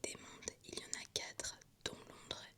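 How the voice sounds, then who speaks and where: Woman whispering softly in ASMR library hush. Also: unhurried. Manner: soft, hushed, unvoiced whispering throughout. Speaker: book vlogger presenting a reading list. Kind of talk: ASMR whisper, library-like hushed book presentation.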